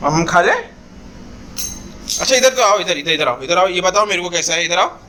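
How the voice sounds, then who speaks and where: A man's voice: high-pitched, expressive, moderate pace, pushed and bright, a little hiss or hum. An Indian man filming a family birthday at home, coaxing and teasing a toddler in a playful, repetitive way. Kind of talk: casual family home video.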